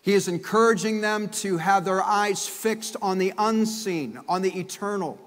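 A man's voice: high-pitched, moderate pace. Man preaching at a pulpit microphone. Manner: builds from soft thanks to loud, emphatic preaching. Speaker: guest preacher. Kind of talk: sermon. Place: large church sanctuary. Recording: long church-hall reverb.

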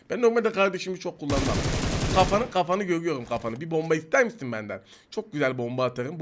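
A young man with a high, bright voice talks over his mobile shooter match. He teases his opponents, then bursts into exasperated shouts when a fight turns against him. His commentary runs loose and unscripted throughout. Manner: excitable, swings from teasing to exasperated shouting. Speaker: mobile game streamer. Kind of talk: live gameplay commentary.

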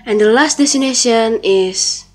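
A woman's voice: a little high, measured pace. A young woman narrating an amateur school drama in a careful, read-aloud way. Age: young adult.

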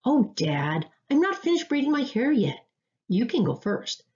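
A bright, squeaky young girl mouse chatters in a high sing-song storybook voice, as a woman reader puts her on. The pitch jumps about with lots of lift. The recording sounds dull and lo-fi. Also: big pitch swings, measured pace. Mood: playful.

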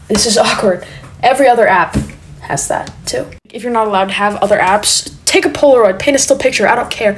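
A woman's voice: on the high side, a little hiss or hum. Sarcastic teenage girl ranting to camera. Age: teens. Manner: sarcastic, animated storytelling with mocking voices. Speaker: TikTok creator. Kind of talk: casual vlog rant.

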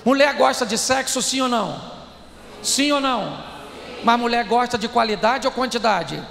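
A man preaching with humor to a live audience, animated and jokey, talking straight to the crowd. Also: extremely high pitch, moderate pace, creaky. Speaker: preacher, speaker. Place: large hall. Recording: echoey hall, faint background noise.

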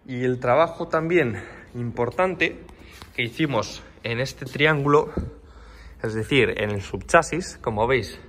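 A man's voice: medium pitch, unhurried, fairly bright tone. Man from explaining a bike. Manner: explanatory, detailed, pointing out parts as he goes. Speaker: custom motorcycle builder. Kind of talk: casual walkaround explanation. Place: indoor motorcycle workshop garage. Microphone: handheld phone camera.

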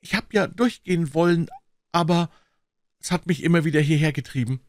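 A man's voice: a little high, brisk, a little mellow, no room sound, voice pushed up, lightly acted. A man voicing a frightened grown man accused of murder, crying and pleading in a raised, tearful voice for a storybook reading. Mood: despairing.

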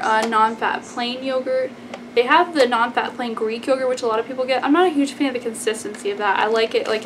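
A fairly high-voiced American woman in her 20s, from Texas, vlogs a casual grocery haul to camera. Her chatty, informal talk is full of "like" and "y'all." She's in a small, plain indoor room, and room noise is clearly audible.

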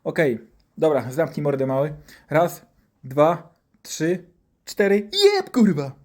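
Man voicing a drunk swaggering doctor, coarse and boastful, swears nonstop, pitched a bit high. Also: takes it slowly, darkish tone.

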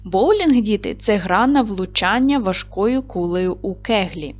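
A woman primary school teacher with a Ukrainian accent gives a recorded video lesson to children. Her medium-pitched voice is animated and unhurried, and she explains clearly, patiently, and instructively.

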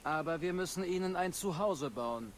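An actor playing a pirate crewman who hesitates and searches for words while urging his captain, heard quietly from game audio. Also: a little high, expressive, moderate pace, lightly acted. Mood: persuading.

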